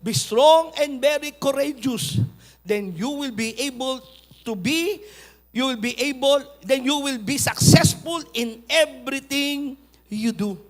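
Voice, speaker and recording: A man preaching a sermon, swinging between loud urging and quiet asides. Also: extremely high pitch, slow. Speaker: pastor.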